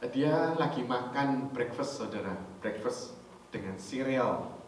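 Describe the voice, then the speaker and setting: A man preaching a storytelling sermon, chatty and animated, slipping in English phrases and asking his congregation questions. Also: medium pitch, takes it slowly. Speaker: pastor. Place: church hall. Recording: very echoey hall, mic far off, faint noise.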